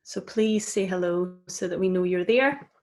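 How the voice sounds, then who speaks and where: A Scottish woman with a lowish voice and normal speed leads a live-streamed guided mindfulness session as a coach. She is gentle and encouraging, with frequent ums.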